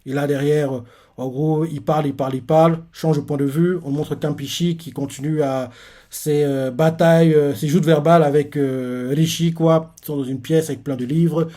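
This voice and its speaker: Rambling, excitable male recapper, mellow tone. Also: on the high side, normal speed. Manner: rambling, many fillers and restarts, excitable. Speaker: reaction channel host. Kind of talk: casual manga chapter recap.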